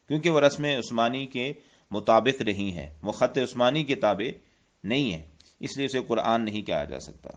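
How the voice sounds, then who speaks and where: This Quran teacher speaks at a medium pitch, and the recording loses its highs. With his Pakistani Urdu accent, he walks through Quranic script in a methodical lesson, going back over points and reciting verses in Arabic.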